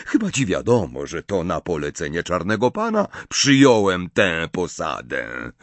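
A man voicing a cold, sardonic middle-aged wizard who speaks calmly and with boredom. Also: low-pitched, no echo, heavily acted. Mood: cold measured. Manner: calm, bored, measured.

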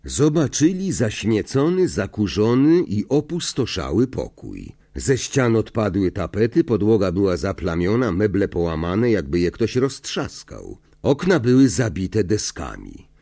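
A man narrating an audiobook in an expressive, suspenseful way. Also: on the low side, measured pace, creaky, few pauses.

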